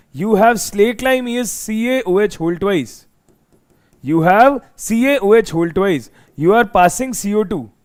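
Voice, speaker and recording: Male teacher, North Indian accent, high voice, emphatic exam-lesson delivery with repeated phrases. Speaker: chemistry teacher. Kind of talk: live exam revision lesson.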